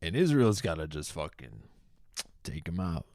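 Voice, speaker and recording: A man's voice: sits low, sing-song, moderate pace, no room sound. A young man from Boston with a Boston accent, hosting a comedy show in a profane, heated rant. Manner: profane, heated, shouting bursts. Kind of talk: stand-up style comedic rant.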